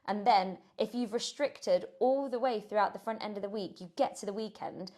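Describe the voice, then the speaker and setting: Woman, fitness podcast host, chatty and encouraging, mid pitch. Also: moderate pace, dark tone. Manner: chatty and encouraging, with asides and laughs. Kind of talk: casual advice podcast.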